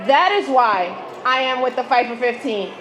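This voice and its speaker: A woman's voice: fairly high pitch, expressive, normal speed. A woman worker giving an emphatic, declarative protest speech at a rally. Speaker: striking fast-food worker. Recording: echoey, noisy rally PA.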